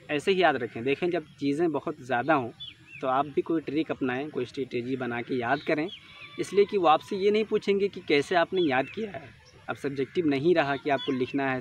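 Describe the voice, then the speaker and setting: A man's voice: on the high side, recorded from a distance, slight background noise. A man giving an exam-prep lecture, explaining step by step and repeating names so they stick. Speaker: teacher.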